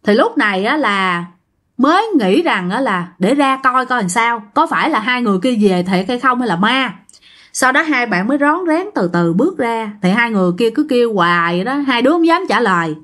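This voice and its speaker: Telling a ghost story to an audience, a woman speaks fairly quickly in a rather high voice. She's animated and voices the characters' lines herself.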